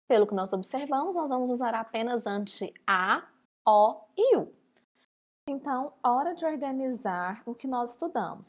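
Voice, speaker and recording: A Brazilian woman teacher with a slightly high, darkish voice gives a recorded remote lesson to young pupils. She stretches out words syllable by syllable.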